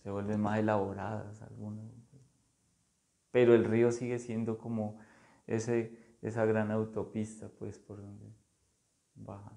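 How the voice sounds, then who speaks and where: Slow, gravelly-voiced man. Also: lowish voice, little pitch movement, warm tone. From Colombia. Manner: slow, thoughtful, halting with many fillers. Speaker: artist. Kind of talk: casual conversation about art. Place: artist's studio.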